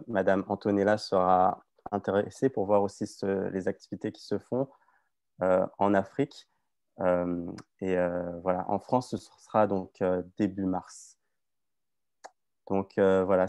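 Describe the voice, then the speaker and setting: A man's voice: deep voice, warm tone, no echo. A man informally presenting his organisation's events in an online meeting, hesitant and often restarting his phrases. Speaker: invited organisation representative. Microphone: video call.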